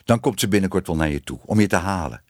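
A man's voice: low-pitched, lively intonation, no echo, studio quality. A man reading a storybook, voicing a chatty newsroom cat who eagerly passes on gossip. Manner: eager, insistent, quick.

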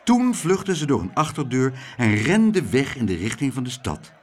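A man reading a children's storybook aloud in an expressive, animated storytelling way. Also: medium pitch, normal speed, breathy edge. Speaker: narrator.

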